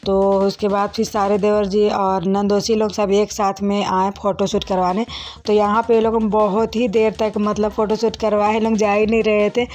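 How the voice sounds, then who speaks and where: A woman's voice: mid-range voice, flat delivery, normal speed, darkish tone. A young woman, narrating her own wedding video in a casual, chatty voice-over and talking straight to her viewers as friends. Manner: chatty, addresses viewers as friends, many fillers.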